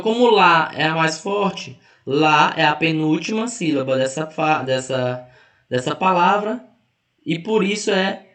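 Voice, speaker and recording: A man's voice: high voice, fairly bright tone, echoey room. A man teaching an exam-prep grammar lesson who stretches out words to show the stressed syllable and corrects himself mid-sentence. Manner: self-correcting, restarts mid-phrase.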